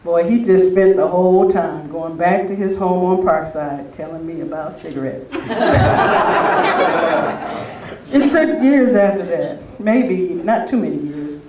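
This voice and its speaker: This older man speaks informally at a spiritual retreat, sharing reminiscences and anecdotes with a gathering in a conversational manner. His voice sits high with a darkish tone. The recording is roomy, with a distant mic and faint noise.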